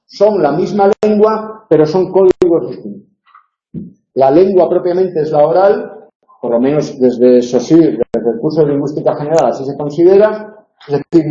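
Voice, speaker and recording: A male university tutor lectures in a mellow, dark voice that sits fairly high. He explains step by step and keeps checking that his listeners agree. The room echoes, and the recording sounds dull and lo-fi.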